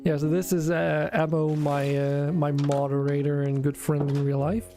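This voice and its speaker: A man's voice: on the high side, flat delivery, normal speed, warm tone, soft background music. A man hosting a game stream, chatting casually and thinking aloud with some hesitation. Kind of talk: casual chat while playing a game.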